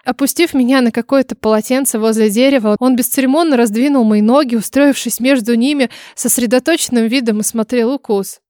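A woman with a fairly high voice narrates an audiobook in first person, reading with dramatic expression. The sound is close and dry, with no room around it. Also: fairly quick, hardly any pauses, a little mellow, no echo.

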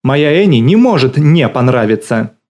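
A man's voice: mid-range voice, normal speed, darkish tone, highs cut off, lightly acted. A man voicing a bossy middle-aged woman who swings between syrupy sweetness and barking drill-sergeant commands, in an audiobook. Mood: syrupy eager.

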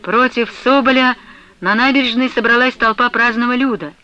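A woman reading a classic novel aloud as an audiobook, in even, expressive storytelling narration. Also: fairly high pitch, moderate pace. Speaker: audiobook reader. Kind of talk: scripted literary narration. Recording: slightly dull lo-fi audio.

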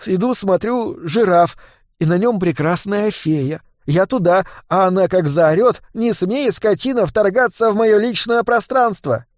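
A man's voice: high voice, a little slow, no echo, clean studio sound, pitched above the performer's own voice. A man doing a whiny scared street kid. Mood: whining. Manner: whiny, pleading. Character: scrawny young male street thief, scared whiny act.

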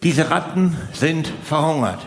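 Performing stand-up in a big live venue, this middle-aged comedian sounds fairly high-pitched, expressive and unhurried, with vocal fry. He's colloquial and mock-exasperated, leaning heavily on rhetorical questions, and the recording carries the roomy hall and its noisy background.

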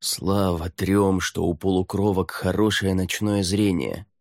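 A man reading fantasy narration in a steady, measured way, close to the mic. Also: low-pitched, dry recording. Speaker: audiobook narrator. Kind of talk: scripted narration.

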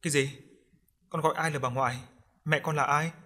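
A devout grandmother from a spoken ghost story speaks in soft, coaxing tones, which a man puts on. Her speech is gentle and polite, with an anxious edge. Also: on the high side, fairly even intonation, brisk. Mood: alarmed.

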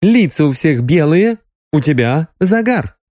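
A man's voice: fairly high pitch, big pitch swings, unhurried, darkish tone, no room sound, studio quality, voice pushed up. A man voicing an anxious, insistent young woman doctor in an audiobook, pressing her questions. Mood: accusing. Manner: pleading, pressing.

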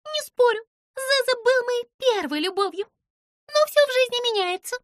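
A woman voicing an excitable, bossy little female animal in an audiobook, with a squeaky, shrill, dramatic voice. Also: normal speed, no room sound, studio quality. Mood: excited. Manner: breathless, demanding, dramatic. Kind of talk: audiobook character voice.

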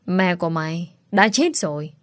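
Sneering cruel stepmother, read by a woman, low-ish voice, dry close sound. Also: no room sound. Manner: sneering, contemptuous. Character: scheming cruel middle-aged stepmother, spiteful.

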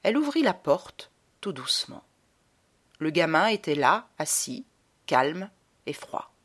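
Woman reading a novel out loud, lowish voice, dramatic, slows way down on big lines. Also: slightly rough. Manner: dramatic, expressive reading with slowed emphasis. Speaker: audiobook narrator. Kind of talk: scripted literary narration.

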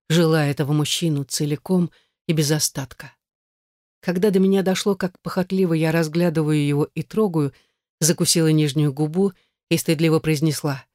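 A man reads an audiobook in steady, even scripted narration, his voice a little high for a male. The recording is dry and close, without any room sound.

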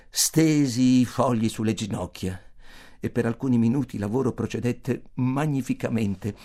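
Man, audiobook narration, literary novel, expressive theatrical reading, medium pitch, hushed in dark passages. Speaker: audiobook reader.

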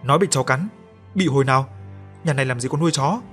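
A man voicing a stern, quick-tempered old grandfather in a ghost story, speaking gruffly. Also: mid-range voice, fairly bright tone, faint music behind, lightly acted. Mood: alarmed. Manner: gruff, scolding.

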